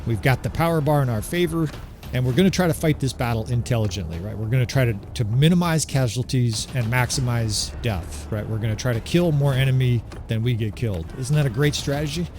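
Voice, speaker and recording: A gaming commentator with a mid-range, slightly mellow voice speaks fairly quickly, with a bit of background noise in the clip. He narrates his strategy game run in an enthusiastic, chatty way, peppering it with "right?"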